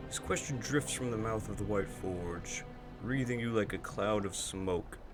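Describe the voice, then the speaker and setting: A man's voice: on the low side, unhurried. A man hosting a let's play, reading narration aloud and commenting on the game. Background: game music.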